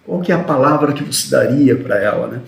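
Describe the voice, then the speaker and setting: A man teaches a video lesson, speaking fast and keeps asking his students short questions. His middle-pitched voice has a gravelly grain. The sound is roomy and echoing. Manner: talks fast, often adds "né?". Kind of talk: recorded video lecture.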